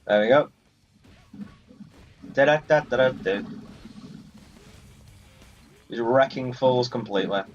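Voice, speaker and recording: A man in a mid-range voice rambles casually through let's play commentary on a video game, talking slowly with long pauses. Video game music plays behind him, and the audio sounds muffled.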